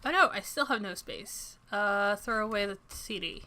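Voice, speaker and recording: A woman's voice: medium pitch, lively intonation, moderate pace, bright, forceful tone. A young woman streaming a farming game, chatting casually and making self-deprecating asides as she plays. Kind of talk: casual gameplay commentary.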